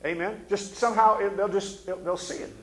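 An older man preaching a fervent sermon from a church pulpit, often sinking to low, intense tones between amens. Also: fairly even intonation, a little fast, a bit bright. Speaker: pastor. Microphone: pulpit mic. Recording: echoey sanctuary.

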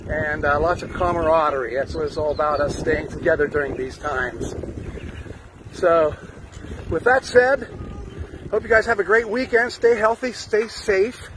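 Riding a bike outdoors on a sunny street, an older musician vlogger films himself with a phone held close and chats cheerfully, using lots of fillers in this casual update. He speaks a little high with a fairly bright tone. The audio is poor and picks up faint wind.

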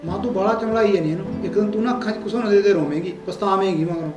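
Man, Punjabi accent, village drama, complaining, fast, music behind. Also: high voice, a little mellow. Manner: scolding, complaining. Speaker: young farmer son in a village drama.

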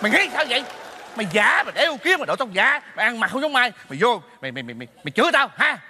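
A man's voice: very high-pitched, big pitch swings, racing, bright, forceful tone, a little hiss or hum, exaggerated voice. A man playing a stingy homeowner in a stage comedy sketch, firing back indignant retorts. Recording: live stage with faint audience.

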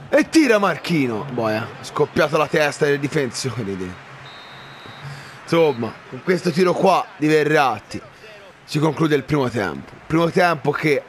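A man commentating his own football game, excitable, shouting at chances and swearing at misses. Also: mid-range voice. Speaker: gaming YouTuber.

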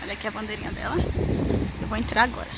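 Speaking rapid-fire in a medium-pitched voice with little pitch movement, a young woman from Salvador vlogs casually to a handheld camera at arm's length. Her accent is Bahian Brazilian Portuguese, and the noisy footage, shot at home and on city streets, carries ambient noise.

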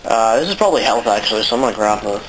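A man's voice: lowish voice, expressive, racing, background noise. A man with a sore throat giving rambling, casual commentary while playing a video game, swearing often. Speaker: let's play commentator.

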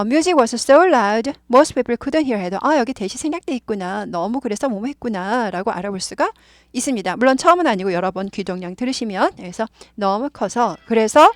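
A woman with a somewhat high voice teaches an English lesson in an animated, drilling way, repeating words many times so listeners can copy them. The sound is dry and close, with no room echo.

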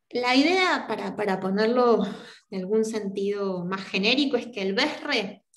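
A woman's voice: medium pitch, reverberant. An Argentine woman teaching a university class, explaining step by step and often checking in with her students. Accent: Argentine Spanish. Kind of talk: online lecture.

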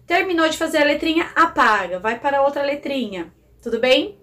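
A woman teacher with a high, bright voice. She speaks gently and coaxingly to young children, giving them step-by-step classroom instructions. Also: animated, fairly quick. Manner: gentle, coaxing, diminutive words.

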